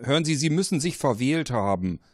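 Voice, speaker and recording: A man's voice: mid-range voice, animated, fairly quick, no room sound, clean studio sound, pitched above the performer's own voice, close to an everyday voice. A man voicing a confused male character who answers a strange call and pushes back with defensive questions. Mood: bewildered.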